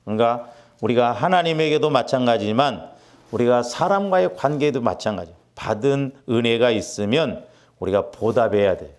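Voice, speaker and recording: A man's voice: medium pitch, normal speed. A middle-aged man preaching as a pastor, telling a personal story and acting out the quotes. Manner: animated, acts out quotes with rising intensity. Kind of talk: sermon with storytelling.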